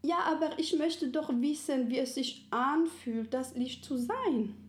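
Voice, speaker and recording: Woman voicing a cheeky little soul, high and childlike. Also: measured pace, slight background noise. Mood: wistful. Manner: wondering and pleading, throws in French exclamations. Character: small curious childlike soul, cheeky and eager. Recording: roomy echo.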